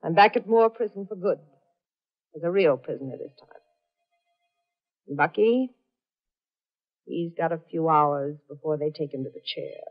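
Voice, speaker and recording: A woman's voice: sits low, expressive, moderate pace, pauses often. An actress playing a hunted, desperate woman who narrates her own story in a 1940s radio drama, heard through an old AM radio broadcast. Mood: tense. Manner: tense first-person storytelling. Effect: old AM radio broadcast sound. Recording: muffled 1940s AM radio broadcast with faint music.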